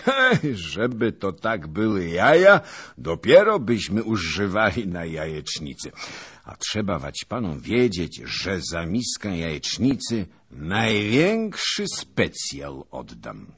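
A man voicing a boastful, gluttonous old nobleman soldier who talks loudly and patronizingly in an audiobook. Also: low voice, huge pitch swings, takes it slowly, breathy edge, voice pushed up, heavily acted. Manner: pompous, patronizing, loud.

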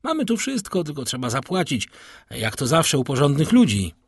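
A man doing a high, fawning bandit jailer. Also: very animated, moderate pace, husky, dry recording, clean studio sound, heavily acted. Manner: sugary, obsequious, teasing. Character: mock-polite fawning male Italian bandit jailer.

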